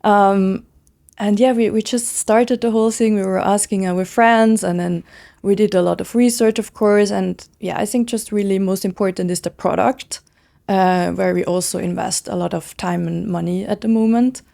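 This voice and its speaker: A woman in her thirties from Switzerland, chatting in an interview as a founder, eager and quick with lots of casual fillers. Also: mid-range voice, steady tone, vocal fry, mellow. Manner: fast, enthusiastic, many "like" fillers. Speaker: guest, brand founder.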